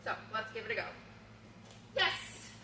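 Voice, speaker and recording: Bright-voiced woman teaching dog training. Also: normal speed. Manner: upbeat, instructive, bursts into high-pitched baby talk for the dog. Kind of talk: training demonstration. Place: room in a home. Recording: roomy, distant camera sound, faint room noise.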